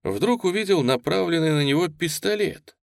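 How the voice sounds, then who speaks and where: A man reading a story aloud with a lively, widely moving voice. The sound is dry and close, with no room around it. His narration is expressive and carries the scene along. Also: a little high, normal speed, creaky, no echo. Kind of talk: audiobook narration.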